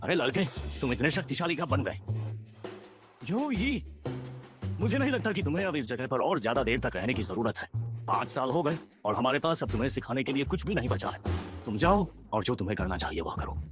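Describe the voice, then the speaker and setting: A man's voice: mid-range voice, sing-song, fairly quick, over music, close to an everyday voice. A man voicing an old, fatherly martial arts master in a dubbed drama, giving solemn advice. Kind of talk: Hindi dub acting.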